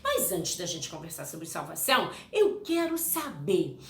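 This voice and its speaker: A woman's voice: lowish voice, sing-song, a little slow. A woman, a Sunday school teacher giving a recorded Bible lesson and talking playfully and directly to preteens. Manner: upbeat, playful, talks directly to kids. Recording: echoey room with light hiss.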